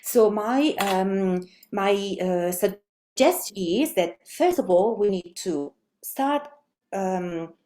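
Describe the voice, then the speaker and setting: Giving a webinar on language education, a middle-aged woman from Italy, Italian by birth and accent, speaks haltingly with frequent fillers and restarts. Her medium-pitched voice is expressive and warm.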